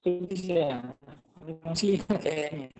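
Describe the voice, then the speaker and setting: A man's voice: fairly high pitch, extremely slow, mellow, faint music behind. A male teacher giving an online class, his voice cutting in and out over a choppy, breaking-up call connection. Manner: explaining with rhetorical questions. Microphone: laptop on a video call. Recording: dull lo-fi video call audio.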